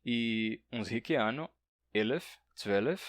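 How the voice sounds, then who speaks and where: A man explains language topics in an educational video, slowing down to pronounce example words and listing numbers in a falling voice. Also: mid-range voice, animated, dry recording. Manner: explanatory, drawn-out slow example words, lists numbers in a dropping voice.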